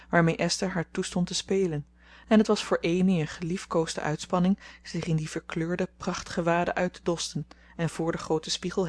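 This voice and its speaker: An audiobook reader narrating a classic novel in a steady, measured voice. The pitch sits in a middle register, with even, unhurried phrasing.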